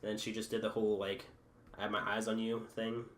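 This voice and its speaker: A man's voice: fairly low pitch, completely flat delivery, fast. A teenage boy hosting a podcast, telling rambling, profane stories in a casual chat and laughing at his own jokes. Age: teens. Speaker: podcast host. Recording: echoey room with faint background hum.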